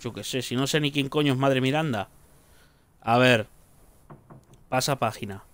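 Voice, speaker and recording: A man's voice: medium pitch, moderate pace, fairly bright tone. A man giving casual gameplay commentary, muttering to himself, joking and swearing as he plays. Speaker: gaming streamer.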